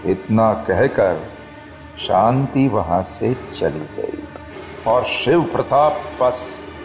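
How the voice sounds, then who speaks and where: A man narrating an audio drama in a measured storytelling manner. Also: on the low side, expressive, faint music behind.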